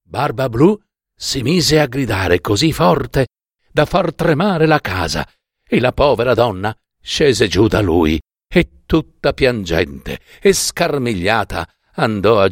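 A man reading a fairy tale aloud, slow and expressive. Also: on the low side, no room sound, studio quality. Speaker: storyteller.

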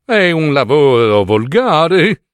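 A haughty little darning needle speaks in a high, fussy voice full of self-importance, as a male narrator puts it on. Its pitch leaps around as it frets about being too thin. The sound is dry and close. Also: sing-song, slow pace, dry recording. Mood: vain, fussy. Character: vain fragile darning needle, thin and proud.

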